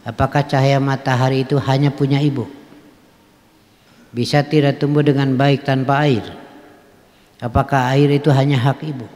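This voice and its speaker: A man's voice: mid-range voice, flat delivery, moderate pace, pauses often, a little mellow. A man with a Sundanese accent giving a folksy mosque sermon, putting questions to his listeners. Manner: folksy, mixes in regional phrases, asks the audience questions, chuckles. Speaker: preacher. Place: mosque hall. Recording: long hall reverb.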